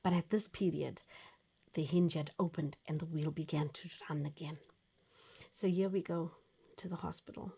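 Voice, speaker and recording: Gravelly, husky woman in her fifties. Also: low voice, normal speed. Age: 50s. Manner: earnest and reflective, with lively emphasis. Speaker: host. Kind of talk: personal storytelling monologue.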